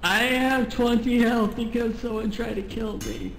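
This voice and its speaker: An excitable, yelping man in gaming voice chat. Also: very high voice, a little slow. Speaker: gamer. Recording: roomy mic with loud noise.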